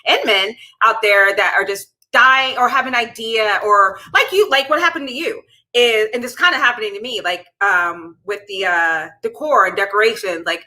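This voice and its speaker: A woman's voice: mid-range voice, normal speed, bright, forceful tone, low-quality recording. A woman from Pittsburgh hosting a casual live interview show, bubbly and rambling, laughing often. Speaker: livestream show host.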